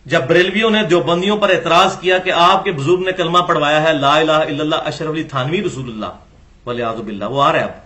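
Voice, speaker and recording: A man's voice: a little high, sharp tone. A man giving a religious lecture, arguing his points with rhetorical questions. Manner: argumentative, rhetorical questions, acts out quoted dialogue.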